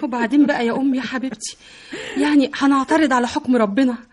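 A woman's voice: high-pitched, fairly even intonation, quick pace. An actress with an Egyptian accent playing an earnest young woman in a radio drama, a devoted daughter and student reassuring her mother. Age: young adult.

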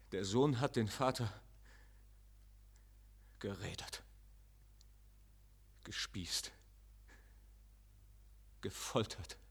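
An actor playing a passionate young robber captain in a classic radio play, speaking with slow, emphatic declamation. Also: male voice, medium pitch, slightly rough, full character voice. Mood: anguished.

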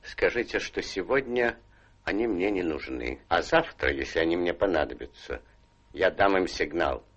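An actor playing a powerful, calculating aristocratic lord in a radio play, with a rough voice and a measured, imperious manner. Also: male voice, sits low, animated, a bit bright, dull audio, full character voice. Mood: commanding, calculating. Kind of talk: theatrical radio play acting.

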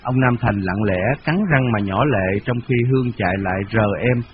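A man reading a novel aloud in a steady, measured storytelling voice, on a dull lo-fi radio recording. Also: lowish voice, a little hiss or hum. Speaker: narrator.

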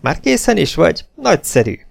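A man reading the part of a big, smooth-talking and confident male spy in an audiobook. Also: a little high, big pitch swings, pitched above the performer's own voice, exaggerated voice.

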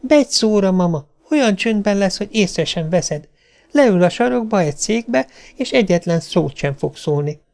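A man voicing an eager little girl who begs and pleads in a high, breathless way in an audiobook story. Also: animated, gravelly, a little mellow. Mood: pleading.

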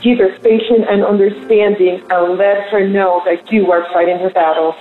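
A woman's voice: mid-range voice, steady tone, normal speed, faint music behind. Woman praying with a canyon echo. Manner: fervent, addresses listeners as family. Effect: canyon-like echo from a bare room. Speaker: pastor. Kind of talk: spoken prayer on a call-in line. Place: empty new house, indoors. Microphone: phone call. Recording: phone-line sound with roomy echo.

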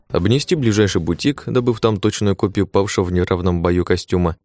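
A man narrating an audiobook in an even, wry storytelling manner. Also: low voice, no room sound, studio quality.

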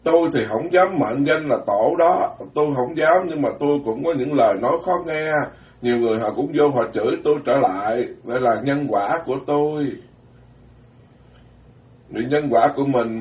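Blunt-spoken monk in a roomy hall. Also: male voice, medium pitch, darkish tone. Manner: blunt, plain-spoken, switches between quick and slow emphatic phrasing. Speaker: Buddhist monk lecturer. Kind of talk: dharma talk. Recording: roomy, distant mic.

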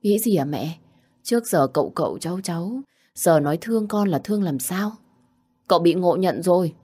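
A woman voicing a stubborn, sharp-tongued young adult daughter with an indignant manner in a spoken story. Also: lowish voice, expressive, normal speed, slightly rough. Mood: protesting.

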